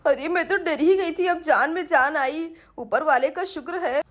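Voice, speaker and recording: A woman's voice: high voice, moderate pace, lightly acted. A woman voicing a clumsy young woman in a doll-play story, whiny and pleading. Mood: relieved.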